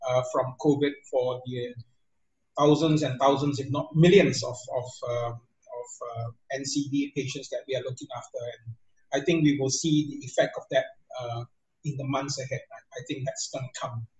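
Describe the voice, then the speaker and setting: A man's voice: mid-range voice, fairly even intonation, normal speed, darkish tone. A man moderating a webinar panel, joking and teasing between hesitations. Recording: roomy, distant video call mic.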